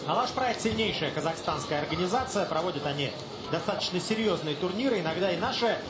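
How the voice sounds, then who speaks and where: Male live sports commentator, high voice, halting explanatory phrasing, echoey, loud crowd. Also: animated. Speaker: fight commentator.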